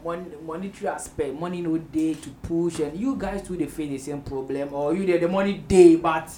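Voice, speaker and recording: A man with a Ghanaian accent hosts a roundtable in a noisy room with ambient background sound, his fairly high, mellow voice moving briskly. He chats casually in Pidgin-flavoured speech and echoes his guests' words.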